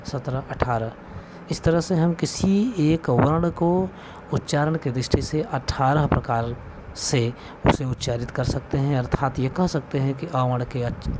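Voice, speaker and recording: Man patiently teaching Sanskrit vowels. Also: medium pitch. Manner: patient, explains step by step, counts aloud. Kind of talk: spoken video lesson. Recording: clear background noise with clicks.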